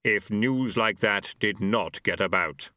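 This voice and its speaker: A man voicing Death, slow and grave. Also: on the low side, sharp tone, no echo, studio quality. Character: Death, solemn slow-spoken male personification.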